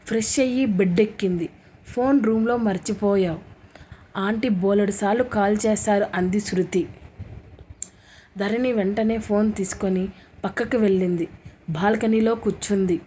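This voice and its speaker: Female storyteller, steady mid-pitched scripted narration, faint background hiss. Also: moderate pace, pauses often. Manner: reads all characters' lines in her own voice with little change.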